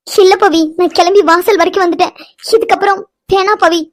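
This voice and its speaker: Woman doing a sweet mom figure in a cartoon, soothing but firm, really high fast voice. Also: steady tone. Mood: tender. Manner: soothing, affectionate. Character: caring motherly older woman, gentle but firm. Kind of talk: cartoon voice acting.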